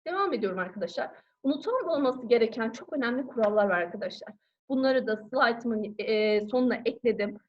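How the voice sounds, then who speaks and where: A woman teaching schoolchildren grammar, her voice high and moving up and down a lot. She asks her class questions, answers them herself, and keeps calling out to her pupils. The recording sounds dull and lo-fi. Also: animated, a little fast. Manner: explains patiently, often asks and answers her own questions. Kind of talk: online grammar lesson for schoolchildren.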